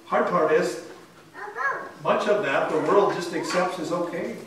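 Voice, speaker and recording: A pastor preaching a sermon in a church sanctuary, earnest and emphatic, often asking the congregation rhetorical questions. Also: male voice, high-pitched, measured pace, crowd noise. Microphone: far camera. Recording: echoey church from far off.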